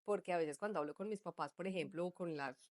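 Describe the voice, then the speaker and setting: A woman's voice: lowish voice, fast, no room sound. Colombian woman telling her story, dry sound. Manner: chatty storytelling, full of fillers like "pues" and "entonces". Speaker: guest, migrant mother. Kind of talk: casual conversational interview.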